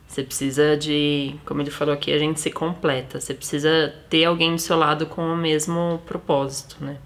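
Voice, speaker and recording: A woman co-hosting a live stream from home, speaking softly and hesitantly as she searches for words. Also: low-pitched, flat delivery, brisk. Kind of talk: casual live-stream talk.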